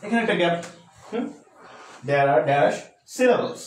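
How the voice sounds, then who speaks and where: A man's voice: high-pitched, expressive, slow pace, far from the mic, a little hiss or hum. A man teaching English for a university admission test in a live online class, talking to students informally and mixing English terms into his explanations. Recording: roomy echo, voice a bit off-mic.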